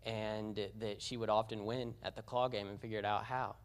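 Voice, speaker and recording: A man, the grandson of the deceased, sharing memories at a memorial service in a church, sincere and halting with many fillers. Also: lowish voice, flat delivery, smooth. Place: church sanctuary.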